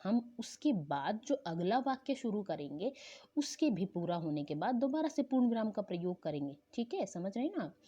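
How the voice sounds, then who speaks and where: A woman's voice: medium pitch, mellow, breathy edge. A woman teaching a school language lesson in an online class, explaining patiently and often checking in with her pupils. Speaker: Hindi teacher. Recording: dull lo-fi recording with faint noise.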